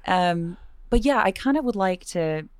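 A woman with a husky voice and some vocal fry, chatting casually in an interview about her work. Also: expressive, measured pace, a little mellow. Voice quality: low-pitched vocal fry. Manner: chatty, conversational. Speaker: radio host and classical singer, being interviewed. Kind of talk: casual chat.

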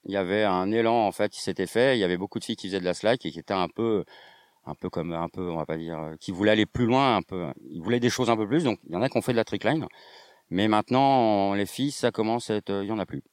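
A man with a slightly low voice rattles off his answers quickly, rambling and restarting with many fillers. The recording is close and dry. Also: dry recording. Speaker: slackline trainer and organizer. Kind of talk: interview answers.

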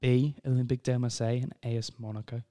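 A man co-hosting a casual podcast, reading out quiz questions with jokes and playful pauses. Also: mid-range voice, little pitch movement, warm tone. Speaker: podcast co-host and quizmaster. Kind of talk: casual chat.

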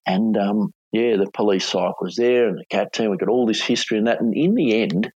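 A middle-aged man with an Australian accent, telling a story conversationally as an interview guest, in a casual, hesitant way with halting phrasing. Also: on the low side, darkish tone, breathy edge. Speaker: former police hostage negotiator, interview guest. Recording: dull, echoey room recording.

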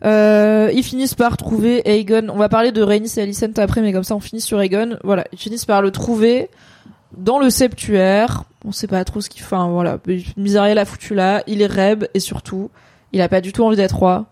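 A woman co-hosting a stream debriefing a TV episode, chatting casually with quick digressions and many fillers. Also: mid-range voice, steady tone, mellow, no echo. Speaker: co-host of a series debrief stream. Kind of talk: casual chat.

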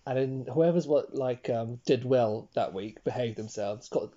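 A young man chatting casually, jumping in often and trailing off into low mumbles. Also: measured pace, dark tone, dull audio. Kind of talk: casual chat.

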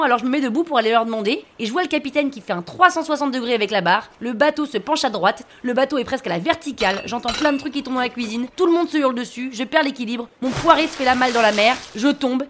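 A woman telling a funny story about herself at a brisk clip, her voice a little high. Her narration is scripted and wry, full of self-mocking asides. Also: slight background noise. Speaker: podcast storyteller.

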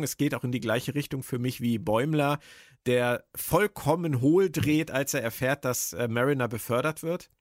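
A man in casual conversation who keeps steering the talk with pointed questions to the others. His voice is close and dry, with no room sound around it, and his pitch sits in a middle register. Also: dry recording. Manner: probing, poses questions to co-hosts. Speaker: podcast host. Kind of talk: casual discussion.

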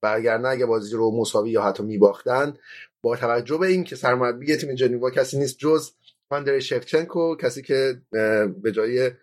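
A man giving casual football analysis on a podcast, often pausing with filler sounds and restarting his sentences. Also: mid-range voice. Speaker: football pundit.

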